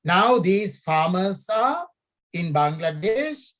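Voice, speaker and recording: A middle-aged Sri Lankan academic discusses her research in a conversational interview, hesitating often, using many fillers and repeating key phrases. Her voice sits on the low side, and she's very animated but takes things slowly.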